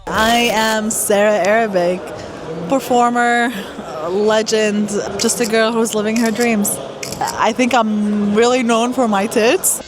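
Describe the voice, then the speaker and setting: A young woman from Iraq giving candid, casual interview answers, halting often with fillers. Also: fairly high pitch, fairly even intonation, over music. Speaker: guest performer. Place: busy trade fair hall. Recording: loud crowd chatter behind.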